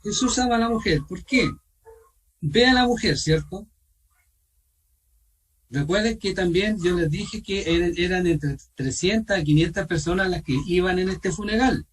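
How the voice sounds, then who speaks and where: A man with a Chilean accent teaching an online Bible study, asking his listeners questions and pausing with fillers. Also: high voice, breathy edge, distant mic, low-quality recording. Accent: Chilean Spanish. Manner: asks questions of the group, repeats himself, pauses with fillers. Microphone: video call.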